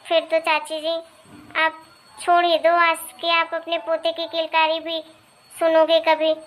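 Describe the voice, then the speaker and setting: A woman's voice: very high voice, monotone, a little slow, fairly bright tone, faint music behind. A woman voicing a meddling young married neighbor who gossips and gives pushy advice.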